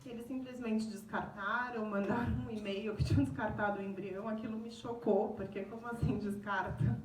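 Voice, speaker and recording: A woman's voice: medium pitch, slight background noise. Earnest woman giving a testimony in an echoey room. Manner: earnest, retelling dialogue with many "I said". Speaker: testimony speaker. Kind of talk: personal faith testimony. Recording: echoey room, recorded from a distance.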